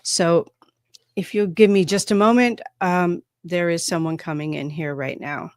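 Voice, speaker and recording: A woman hosts a spiritual podcast and talks in a reflective, unhurried way, pausing softly between thoughts. Her voice sits low for a woman. It is recorded dry and close, with no room sound. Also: steady tone, dry recording. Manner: reflective, unhurried, with soft pauses. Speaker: podcast host. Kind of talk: casual spiritual talk.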